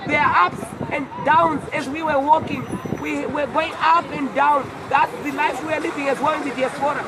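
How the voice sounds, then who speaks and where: A walk organizer from Zimbabwe is interviewed on the street outside an embassy, surrounded by a crowd whose loud noise dominates the outdoor recording. Her high voice holds a steady tone, but she sounds worn out and hoarse, speaking earnestly with halting repetitions in this emotional exchange.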